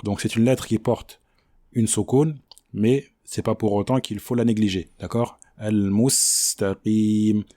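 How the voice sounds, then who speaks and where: A man's voice: fairly low pitch, dark tone. Patient man teaching Quran pronunciation. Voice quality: chants the verse in a slow drawn-out recitation. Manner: patient, repeats "d'accord?", slows to model each word. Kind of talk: tajwid pronunciation lesson.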